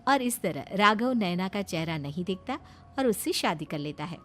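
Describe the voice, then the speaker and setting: A woman's voice: medium pitch, expressive, normal speed, fairly bright tone, faint music behind. Woman narrating a cartoon story.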